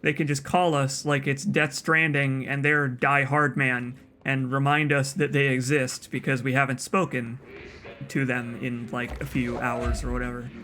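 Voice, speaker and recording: A let's play streamer with a soothing voice chats rambly through his game, frequently restarting sentences and tossing in asides. His medium-pitched voice is level, bright and forceful, and he speaks a little slowly.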